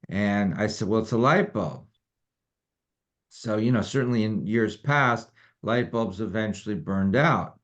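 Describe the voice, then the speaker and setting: A man leading a study group and explaining in a relaxed, rambling way with many fillers. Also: lowish voice, a little slow. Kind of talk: informal teaching talk. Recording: dull lo-fi recording.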